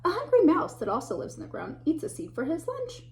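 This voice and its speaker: A woman teacher reading a picture book aloud to children, pausing to point out the pictures and dropping to a whisper or a gasp at tense moments. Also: very high-pitched. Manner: animated, gasps and whispers for suspense, pauses to point out pictures. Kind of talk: expressive read-aloud storytime.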